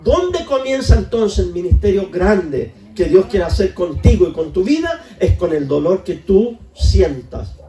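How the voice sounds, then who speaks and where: A man's voice: sits high, sing-song, measured pace, few pauses, warm tone, recorded from a distance, soft background music. An older man preaching a sermon as pastor, folksy and joking, then pleading in repeated prayers. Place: church hall. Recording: echoey church, voice from afar.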